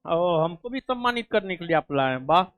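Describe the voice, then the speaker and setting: A man's voice: sits high, lively intonation, fairly quick, no echo, narrow, tinny audio. A male coaching teacher with a Bihari Hindi accent, chatting casually and fussing affectionately as he honors students. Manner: affectionate, joking, fussy.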